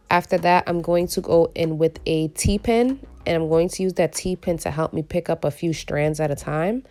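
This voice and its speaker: Female beauty vlogger, low and gravelly, raspy from a cold, tutorial narration over background music. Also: dark tone. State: recovering from a cold.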